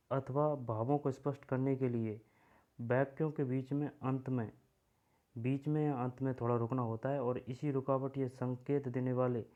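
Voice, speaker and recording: The recording is muffled, but the man's voice comes through warm and medium in pitch. He's giving a casual exam-prep grammar lesson, repeating himself while he writes on a board and points things out.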